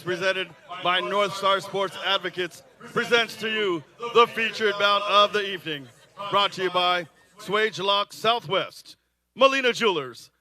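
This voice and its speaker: A man working as a ring announcer, introducing boxing in a theatrical lucha libre announcer manner with drawn-out phrases. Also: high voice, sharp tone, no echo. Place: live boxing event.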